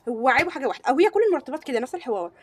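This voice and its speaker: Gushing Egyptian woman, fast and breathy. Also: sits high, animated. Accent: Egyptian Arabic. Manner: gushing, repeats words for emphasis. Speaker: beauty vlogger. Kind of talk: casual product review.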